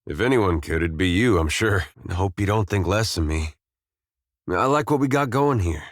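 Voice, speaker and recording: A deep male voice delivers video game companion lines as a farmer who became an adventurer, sounding awkward yet fond. He's gentle and loyal with some world-weariness, using plain, folksy words and hesitant, understated dry humor. He's expressive at a normal speed, and the recording is very dry.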